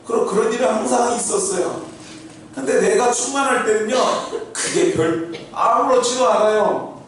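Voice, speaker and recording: High-voiced preaching man in echoey church. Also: normal speed, slight background noise. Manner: earnest, conversational preaching with rhetorical questions. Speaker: pastor. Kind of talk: sermon. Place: church sanctuary. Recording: very echoey hall, heard from far off.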